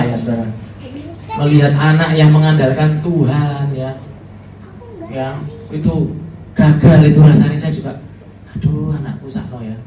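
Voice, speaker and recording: A middle-aged man with a Javanese accent, preaching a chatty, humorous sermon as a pastor. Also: fairly high pitch. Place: church hall. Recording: echoey hall, voice from far off.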